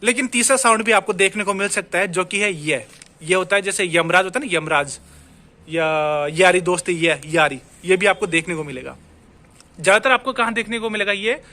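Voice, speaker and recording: Bright, high-voiced Indian teacher. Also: male voice. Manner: chatty, repeats words and checks in with the viewer. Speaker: Spanish teacher. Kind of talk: casual language lesson.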